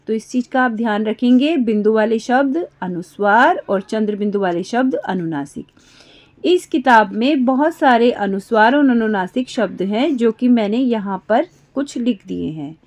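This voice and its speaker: A woman teacher walking young pupils through a worksheet lesson, patiently repeating words slowly and asking them to listen closely. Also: on the high side, darkish tone, dull audio.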